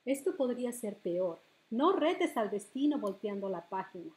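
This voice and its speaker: At home in her living room, a middle-aged woman reads a picture book to preschoolers, switching between English and Spanish in an expressive, deliberate storytime style. She is a children's librarian and storytime host with a medium-pitched voice, and the audio quality is poor.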